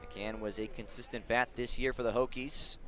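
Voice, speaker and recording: Speaking at a moderate pace in a mid-range voice, a man calls baseball live on the radio with fairly even intonation and a fairly bright tone. The setting is an outdoor ballpark, and his clipped calls swell as the play heats up.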